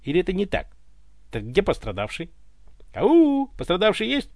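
Sneering smuggler, as a man reads him, cocky, mocking, lively swings in pitch, dry close sound. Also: moderate pace, dry recording, full character voice. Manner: sneering, taunting.

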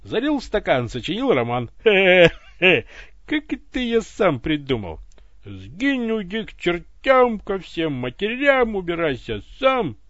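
A man voicing a rough-spoken space fleet pilot with a blunt, coarse manner, on a dull, dry recording. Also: a little high, wildly swooping pitch, normal speed, no echo, heavily acted. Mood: boastful.

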